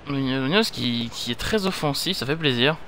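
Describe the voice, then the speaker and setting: Young guy rambling over a football game, bright slightly high voice, bit of hiss. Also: animated, normal speed. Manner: chatty, rambling, self-correcting. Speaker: gaming YouTuber. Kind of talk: casual gameplay commentary. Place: home gaming setup.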